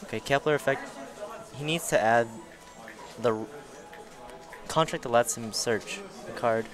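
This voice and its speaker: A man's voice: mid-range voice, unhurried, fairly bright tone, soft background music. A man doing casual live commentary on a card game match, chatty, laughing often and swearing casually. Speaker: tournament commentator. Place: busy card tournament venue.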